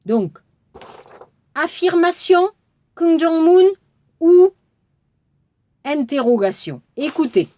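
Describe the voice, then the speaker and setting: A woman teaching a business French lesson in a slow, clearly articulated way, switching between French and Korean. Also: very high-pitched, sing-song, warm tone, no room sound. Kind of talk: classroom lesson.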